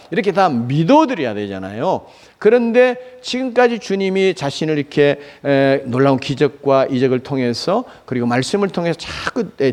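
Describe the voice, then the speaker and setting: A man's voice: a little high, darkish tone. A man pastor preaching a Sunday sermon, asking rhetorical questions and answering them himself, with frequent fillers. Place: church sanctuary.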